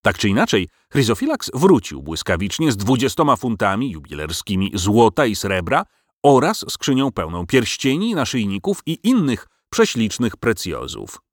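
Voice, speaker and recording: Lively low-voiced male storyteller. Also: no room sound, clean studio sound. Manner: expressive, measured storytelling. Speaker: narrator. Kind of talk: scripted storybook narration.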